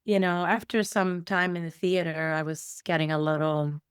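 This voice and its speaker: This clean studio recording, free of room sound, features a middle-aged woman from Iceland speaking at a normal pace with fairly even intonation and a clean, lowish tone. She's a guest in a conversational interview, meandering through her life story with lots of fillers and false starts.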